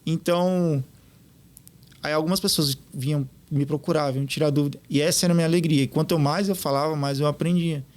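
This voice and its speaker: A man, a podcast guest telling stories in an animated way and acting out what others said. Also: on the high side, fairly quick. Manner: animated, quotes others in lively retellings. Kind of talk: casual storytelling interview.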